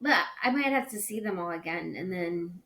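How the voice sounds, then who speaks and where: A woman co-hosting a podcast in a casual chat, speaking in a measured, thoughtful way. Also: on the low side, lively intonation, fairly bright tone, roomy sound, poor audio. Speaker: podcast co-host.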